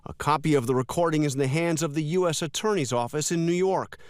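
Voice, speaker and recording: An American man narrates a scripted television news report as a correspondent. His voice sits a little high and the sound is dry. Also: fast talker, dry recording.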